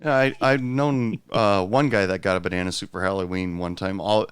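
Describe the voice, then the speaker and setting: A man's voice: sits low, fairly even intonation, brisk, smooth, no room sound, clean studio sound. A man hosting a casual podcast chat, talking hesitantly with many fillers and laughing often. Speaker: podcast host.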